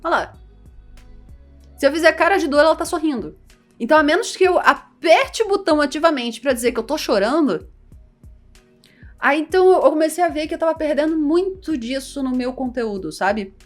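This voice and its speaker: Faint music plays behind this Rio-born VTuber and content creator, whose high-sitting voice moves a little fast. In her Carioca Portuguese accent, the young Brazilian woman keeps her casual vlog chatty and lively, joking at her own expense.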